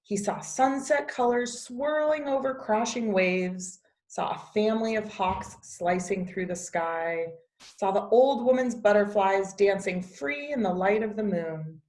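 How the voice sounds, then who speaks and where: A woman reading a children's picture book aloud as a teacher, with expressive storybook narration. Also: medium pitch, measured pace. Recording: echoey, roomy sound.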